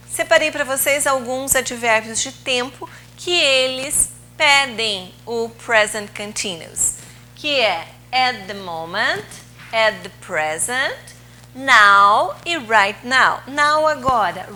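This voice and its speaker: Slow, bright-voiced woman teacher. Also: fairly high pitch, lively intonation, slight background noise, low-quality recording. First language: Portuguese. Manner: slow, patient explaining with drawn-out words. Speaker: English teacher. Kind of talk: recorded video lesson.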